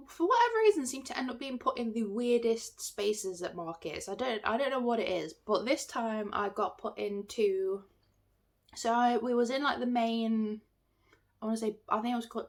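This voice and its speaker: English girl vlogging on her phone, throat sounds swollen and bunged up, rambly casual chat. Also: mid-range voice. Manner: rambling, self-deprecating, informal. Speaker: artist and craft market seller vlogging. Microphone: phone filming.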